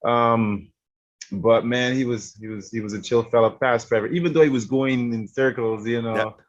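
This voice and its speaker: A man's voice: mid-range voice, steady tone, normal speed, muffled recording. A man from Barbados, a gaming streamer, chatting casually in an interview, laid-back and laughing often. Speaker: streamer guest.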